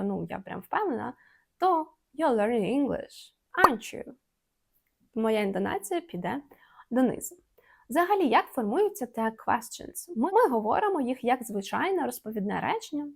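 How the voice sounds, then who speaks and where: Lively woman teaching English grammar. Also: on the high side. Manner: playful, uses fond diminutive words; reads example sentences slowly and clearly. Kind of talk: online video lesson explaining grammar.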